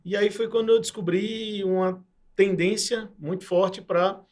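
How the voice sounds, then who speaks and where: A man in his forties from Pernambuco, Brazil, a cybersecurity sales professional, is a guest in a casual interview. His slightly high, somewhat mellow voice keeps a fairly even intonation as he recalls his career path reflectively and hesitantly, filling pauses with many fillers.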